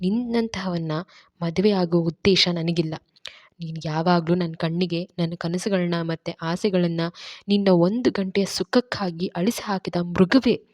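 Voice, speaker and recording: A woman's voice: steady tone, unhurried, a little mellow, dry recording. A woman voicing a hurt and angry young heroine in a dramatized romance story reading, accusing and pained. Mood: bitter. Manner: accusing, pained, raised pitch. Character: young woman, wounded and furious.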